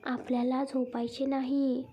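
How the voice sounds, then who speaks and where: A woman's voice: high voice, level tone, measured pace, warm tone. A woman voicing a tipsy, playful young woman who pleads in a whiny, babyish way.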